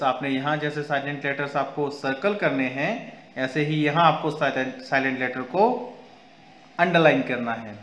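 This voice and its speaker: A man's voice: on the high side, fairly bright tone, reverberant. A male English teacher giving a grammar lesson to young children, spelling words out letter by letter and switching between Hindi and English.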